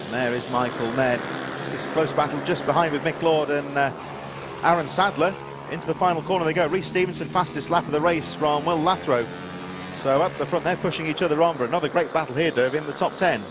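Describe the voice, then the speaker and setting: Guy doing motorsport commentary trackside, voice a bit high, calling positions, clear engine and outdoor noise behind. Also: fast. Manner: reels off rider names and running order. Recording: noisy outdoor trackside sound. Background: vehicle and outdoor track noise.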